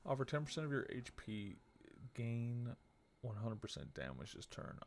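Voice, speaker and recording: In a creaky voice, a man in his thirties mutters in a low-key way through a casual let's play, thinking aloud and reading card text aloud. Slight background noise is present.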